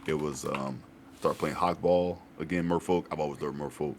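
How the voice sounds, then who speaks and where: A man's voice: very deep voice, fairly even intonation, normal speed. A man chatting casually as a podcast guest, laid-back and easygoing. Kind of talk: casual chat. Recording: noisy recording.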